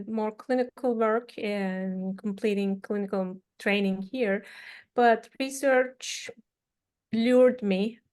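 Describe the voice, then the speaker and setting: A woman's voice: mid-range voice, creaky. A woman, speaking thoughtfully as a panelist in a discussion. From Turkey. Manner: slow, thoughtful, many uh fillers.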